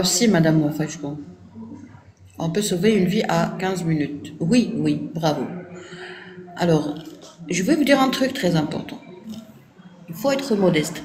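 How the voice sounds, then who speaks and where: A Moroccan woman with a lowish voice speaks French with an Arabic accent, Arabic being her native language. In a casual live stream she answers viewers firmly and didactically, checking they agree with "ok?". Background noise is audible.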